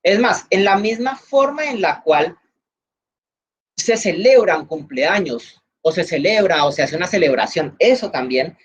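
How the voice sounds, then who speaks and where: A woman's voice: on the low side, lively intonation, unhurried, slightly rough. Colombian woman teaching an online class. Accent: Valle del Cauca Colombian. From Valle del Cauca, Colombia. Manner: chatty, explains with everyday examples, many fillers. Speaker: instructor.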